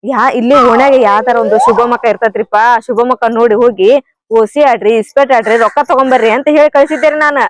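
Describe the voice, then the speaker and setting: A woman voicing a quick-tongued, nagging village wife in a cartoon comedy, scolding with a North Karnataka Kannada accent and rapid rhetorical questions. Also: high-pitched, a crowd in the background, lightly acted.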